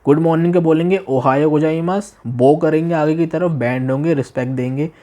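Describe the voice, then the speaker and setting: A man teaching a beginner language demo class, repeating phrases slowly, asking the listener questions and exaggerating his tone to show meaning. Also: fairly high pitch, mellow. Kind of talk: demo class lesson taught in Hindi.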